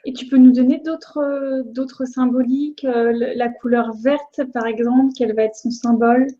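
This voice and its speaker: A woman's voice: fairly high pitch, steady tone, normal speed, warm tone. A woman hosts a live interview, accommodating her guest and recapping for the audience. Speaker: interviewer and host. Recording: slightly muffled lo-fi sound.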